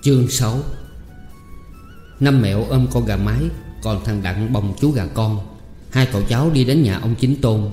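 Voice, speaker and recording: A man narrating a storybook in a steady, measured reading. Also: on the low side. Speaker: audiobook narrator. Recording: echoey room, long reverb, soft music.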